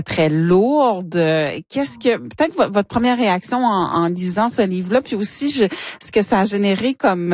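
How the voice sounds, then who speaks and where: A woman's voice: medium pitch, a little mellow, no room sound. Engaged woman interviewer, dry sound. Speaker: interviewer, host. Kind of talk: radio interview.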